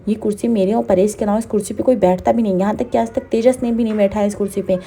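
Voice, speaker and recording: A woman voicing a loud scolding matriarch. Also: medium pitch, steady tone, racing, breathy edge. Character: scolding proud middle-aged woman, house matriarch.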